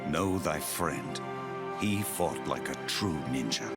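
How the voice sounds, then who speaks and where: An actor playing a calm, wise martial arts sensei in an animated series, speaking in a measured, solemn way. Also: male voice, extremely low pitch, over music, exaggerated voice.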